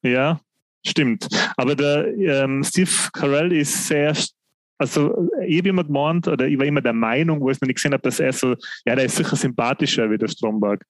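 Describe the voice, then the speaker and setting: A medium-pitched podcast co-host chats casually with no echo on the recording. He sounds hesitant, using many "ähm" fillers and restarts and slowing down when he muses.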